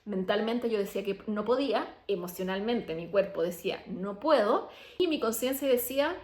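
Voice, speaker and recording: A young adult woman and coach telling her personal story in a chatty, animated way, full of "o sea" and "como". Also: medium pitch, a little fast. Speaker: abundance coach and podcaster. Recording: roomy echo.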